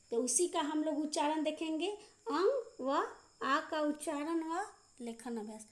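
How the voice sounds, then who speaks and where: A woman teaching a children's grammar lesson, reading word pairs aloud slowly and drawing out the vowels. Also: high-pitched. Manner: slow, drawn-out pronunciation drills with repeated word lists. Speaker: primary school teacher. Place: school class video.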